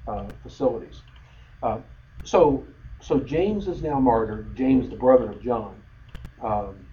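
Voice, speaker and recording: A man giving an unscripted bible history lesson, rambling with frequent fillers and restarts. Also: mid-range voice. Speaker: bible study teacher. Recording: dull lo-fi recording with faint noise.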